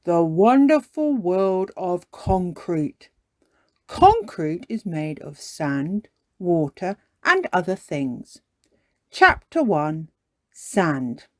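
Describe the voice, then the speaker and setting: A woman's voice: on the low side, sing-song, very slow, no echo, heavily acted. Woman doing a patient, slightly pompous daddy pig. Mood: reading aloud. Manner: patient, explaining. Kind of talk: children's storybook character voice.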